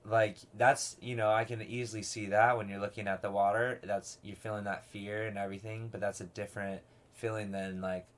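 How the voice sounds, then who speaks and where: A man's voice: fairly low pitch, level tone, a little fast, hardly any pauses. A man in casual podcast conversation, rambling and peppering his talk with "like" and restarts.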